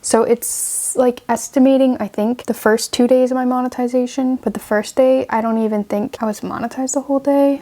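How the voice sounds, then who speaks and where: A young woman talks her way through her weekly plans in a loose, chatty vlog, thinking aloud as she types. Her voice sits a little high but has a soft, mellow color. She sounds relaxed and unscripted, recorded at her desk. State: out of breath. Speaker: vlogger. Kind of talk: casual planning vlog with screen recording.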